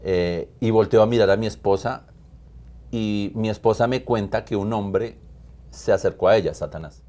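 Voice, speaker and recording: A man's voice: lowish voice, moderate pace, warm tone. A man, a pastor, telling his personal faith testimony in conversation, earnest and emphatic, repeating key phrases.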